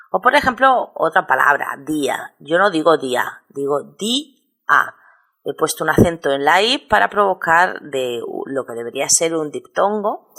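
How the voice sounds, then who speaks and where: Woman, low voice, patient teacher, step-by-step explanation. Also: a bit bright. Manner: patient, explains step by step and spells out syllables slowly. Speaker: Spanish teacher. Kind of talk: recorded lesson on spelling rules.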